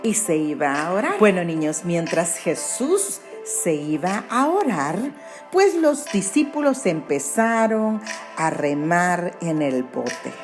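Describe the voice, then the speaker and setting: Lively woman telling a children's Bible story. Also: lowish voice, slow pace, music in the background. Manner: animated storytelling, addresses children with questions.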